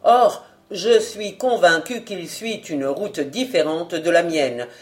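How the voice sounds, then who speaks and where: A woman reader playing a great male detective who speaks gravely and categorically in a lowered voice. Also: takes it slowly.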